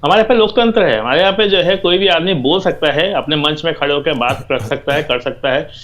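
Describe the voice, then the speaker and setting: A man's voice: on the high side, brisk, a bit bright. Emphatic male party spokesman. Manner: emphatic and argumentative, with hesitant fillers. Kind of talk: televised panel debate.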